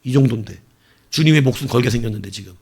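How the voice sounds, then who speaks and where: A male pastor preaching a sermon, telling the story with animated bursts as he acts out quoted lines. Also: mid-range voice, rapid-fire, husky.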